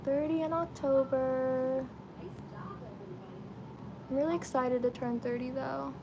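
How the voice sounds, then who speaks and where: Taking it slowly with a steady tone, a high-pitched twenty-nine-year-old woman chats informally and slangily to viewers on her get-ready-with-me beauty and lifestyle livestream, against a noisy background.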